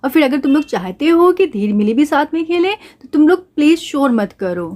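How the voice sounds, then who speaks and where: A woman's voice: sits high, sing-song, moderate pace, darkish tone. A woman voicing a strict but kind mother doll in a doll play story, talking in a firm, scolding way. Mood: coaxing.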